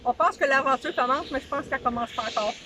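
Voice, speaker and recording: A woman with a Quebec French accent chatting excitedly and laughing aboard a sailboat at the dock. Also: high-pitched, fast talker, a little hiss or hum. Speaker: sailing vlog co-host. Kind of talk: casual chat on a boat.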